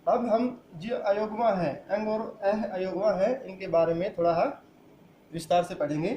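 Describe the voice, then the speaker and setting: A man's voice: high-pitched, normal speed, echoey room, muffled recording, a little hiss or hum. A man teaching a grammar lesson who asks the class questions and answers them himself. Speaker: school teacher.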